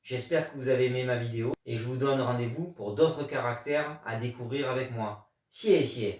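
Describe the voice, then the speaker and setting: Recorded at a distance in an echoey room, a French man teaching Chinese on video speaks briskly with a medium pitch and fairly even intonation. He explains patiently and stresses key words.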